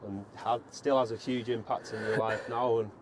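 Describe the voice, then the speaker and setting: A man's voice: fairly low pitch, little pitch movement, moderate pace, noisy background. A man hosting a casual interview, friendly and informal, who calls his guest "mate". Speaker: host.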